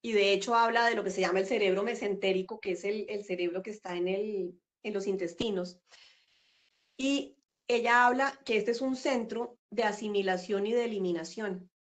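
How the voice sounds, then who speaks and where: A woman's voice: medium pitch, normal speed. A middle-aged woman, talking reflectively as a guest in an interview over a video call. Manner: warm, reflective, with frequent fillers and laughs. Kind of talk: casual interview conversation.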